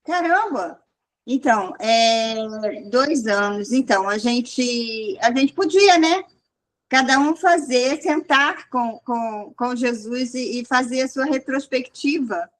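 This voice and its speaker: A woman's voice: on the high side, slow. A woman sharing a casual, rambling testimony with a church group, restarting often. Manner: rambling, restarts often, quotes people in raised voice. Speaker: group leader.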